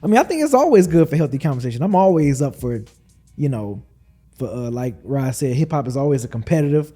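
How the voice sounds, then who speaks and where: A man's voice: mid-range voice, sing-song, fast talker, mellow, faint music behind. A man co-hosting a casual podcast, rambling and circling back on his thoughts. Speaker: podcast co-host. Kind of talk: casual roundtable discussion.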